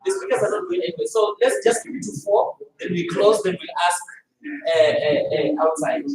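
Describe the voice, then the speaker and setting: A man moderating a panel session, lively and jovial, hurrying to close. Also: high voice, fairly quick. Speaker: event moderator. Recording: echoey hall, far from mic.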